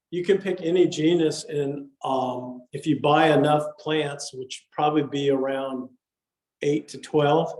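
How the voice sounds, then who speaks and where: An older man gives an easygoing talk at a garden club meeting. His voice sits a little high, and his delivery is chatty, with repeated words and frequent "okay"s. The recording carries the echo of a meeting room. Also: darkish tone. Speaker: orchid society speaker. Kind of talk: casual slide lecture. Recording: echoey room.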